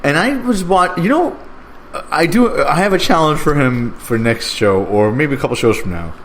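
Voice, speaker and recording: A man co-hosting a casual talk radio show, loud and emphatic with mock outrage. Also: fairly high pitch, lively intonation, moderate pace, slight background noise.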